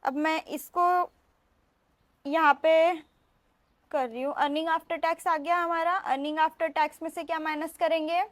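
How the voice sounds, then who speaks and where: A woman's voice: extremely high pitch, fairly even intonation, takes it slowly, dry recording. A young woman teaching an exam revision lecture, chatty and playful, mixing into her talk and drilling students in call-and-response.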